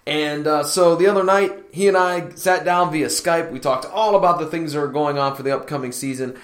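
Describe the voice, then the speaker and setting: A man's voice: a little high, a little fast. A man hosting his podcast in a casual, upbeat, chatty way, speaking straight to his listeners from a near-empty room that gives his voice a hall-like echo. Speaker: podcast host. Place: near-empty home room being remodeled. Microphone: laptop recording setup. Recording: echoey bare room.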